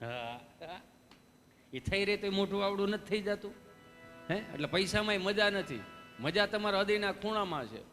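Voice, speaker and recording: Performing for a live audience, this Kathiawadi Gujarati-accented folk comedian spins stories and voices every character in the dialogue with animated energy. His voice is high-pitched at a normal speed, set in a reverberant hall with faint background music.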